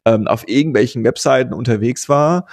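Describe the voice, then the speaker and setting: A man's voice: mid-range voice, a little fast, vocal fry, darkish tone, no room sound, clean studio sound. A man co-hosting a podcast, chatting casually and rambling with many fillers and restarts. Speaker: podcast co-host.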